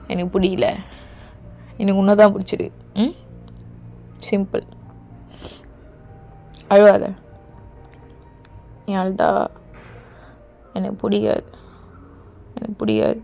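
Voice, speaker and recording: A woman voicing a ruthless young male king who talks in a low, slow, possessive murmur in a fan audio drama, over faint music. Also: little pitch movement, gravelly, mellow. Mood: dismissive.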